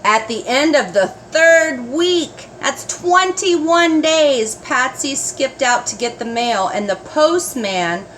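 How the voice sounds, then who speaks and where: A woman's voice: high voice, a little hiss or hum. An older woman with a grandmotherly manner reads a children's story aloud expressively, with asides to the little ones. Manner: grandmotherly, slow and expressive, addressing small children. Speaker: grandmother reading to her grandchildren.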